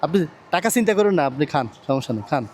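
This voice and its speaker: A man with a Bangladeshi Bengali accent chatting on a city street outdoors, asking quick, coaxing, reassuring questions. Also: on the high side, animated, darkish tone, faint music behind. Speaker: charity vlogger interviewing a street seller. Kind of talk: casual street conversation.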